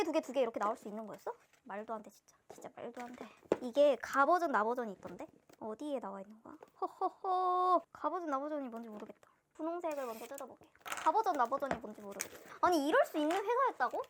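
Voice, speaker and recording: A young woman talks excitedly through an unboxing, gasping and gushing as she goes. Her voice sits high and swings widely, bright with delight. Her chatter is casual and quick to react. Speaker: fan vlogger unboxing albums.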